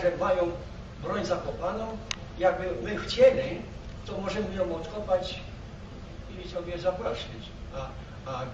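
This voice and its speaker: An old man from Poland with a high-pitched voice recalls his past as a veteran. He rambles haltingly, circling back over his phrases. The recording is muffled and clearly noisy. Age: elderly, 80s or older. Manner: old man's halting, repetitive storytelling with broken-off words. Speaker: war veteran interviewee. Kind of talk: rambling spoken reminiscence. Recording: roomy, muffled, noisy, distant microphone.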